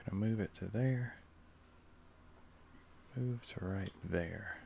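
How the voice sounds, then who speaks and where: Male livestreamer, very low voice, relaxed hobby chat while he works. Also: slow, vocal fry, a little hiss or hum. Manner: relaxed, chatty, talking while stitching and reading chat. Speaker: cross stitch livestreamer. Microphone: webcam livestream setup.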